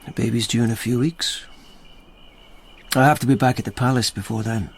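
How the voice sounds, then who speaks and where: An actor playing a calm, concerned lieutenant investigating in old Japan, gently questioning and restrained, in a radio drama. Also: male voice, medium pitch, a little fast, gravelly, slight background noise, lightly acted. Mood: subdued longing.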